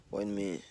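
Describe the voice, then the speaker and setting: A young Trinidadian man vlogging outdoors into a phone held at arm's length, complaining in a low, glum way. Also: a little hiss or hum. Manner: low, glum complaining, turning loud and laughing at the end. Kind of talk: casual vlog talk to camera. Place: outdoors among bushes and palms.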